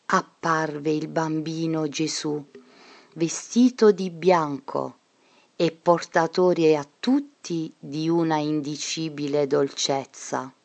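Woman narrator, storytelling read, unhurried and low. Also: gravelly. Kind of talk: storytelling reading.

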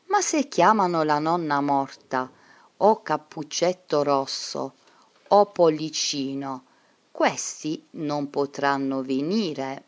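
A woman's voice: sits low, slow, lo-fi sound. A woman voicing a malicious schoolteacher who quizzes her pupils in a coaxing, questioning way. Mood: probing.

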